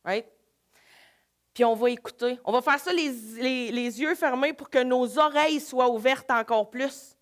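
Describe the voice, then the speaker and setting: A woman with a Québécois accent, leading a live laughter workshop in an energetic, coaxing way. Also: sits high, a little slow. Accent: Québécois French. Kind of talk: live workshop talk to an audience.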